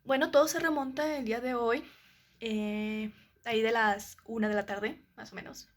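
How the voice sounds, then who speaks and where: A woman's voice: on the high side, fairly even intonation, moderate pace. A young woman with a Mexican accent, a student casually telling a story and acting out quotes with lots of fillers. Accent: Mexican Spanish. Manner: chatty, leans on fillers, acts out quotes.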